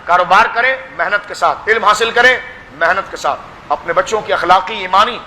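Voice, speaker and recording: A man with a Pakistani Urdu accent, a pir, addresses a gathering in a large hall with an impassioned sermon, urging them on as his children. His high-sitting voice comes across bright and forceful over a low hiss or hum.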